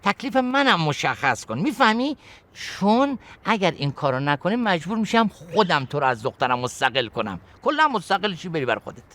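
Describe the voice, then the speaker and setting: Brief: mocking comic father, high and very lively voice. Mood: scornful. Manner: mocking, theatrical, swings between loud and soft. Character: sarcastic bossy father scolding daughter's fiancé. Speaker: father in a comedy series.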